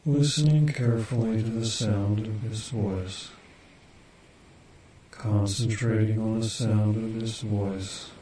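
Slow, soothing low-voiced male hypnotist. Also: fairly even intonation, warm tone, a little hiss or hum. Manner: slow, soothing, repetitive suggestions. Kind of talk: guided hypnosis induction.

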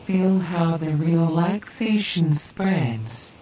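A woman leading a guided relaxation hypnosis in a soothing, deliberate manner with long pauses. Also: fairly low pitch, lively intonation, dark tone. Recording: roomy, distant, hissy background noise.

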